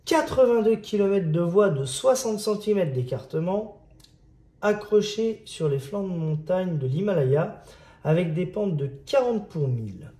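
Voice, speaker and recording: A man's voice: high voice, expressive, a little slow, dark tone. A man casually presenting model kit issues, hesitant and chatty, with frequent fillers and restarts. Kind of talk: casual hobby video narration.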